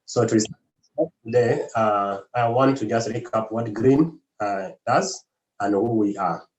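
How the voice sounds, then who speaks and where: A man's voice: lowish voice, takes it slowly, a little mellow, echoey room, highs cut off. A man facilitating an online workshop, speaking with frequent hesitations and fillers.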